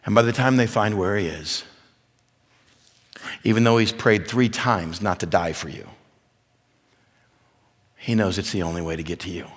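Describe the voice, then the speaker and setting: A man preaching at a men's event, telling stories and building from quiet to loud, emphatic points. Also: on the low side, moderate pace, long pauses. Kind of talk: sermon. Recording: long hall reverb.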